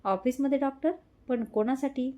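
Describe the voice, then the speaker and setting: A distraught young woman begs through tears in a storybook audio drama, voiced by a woman narrator. Her voice sits fairly high, with a soft, mellow tone. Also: moderate pace, lightly acted. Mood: worried. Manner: tearful, pleading.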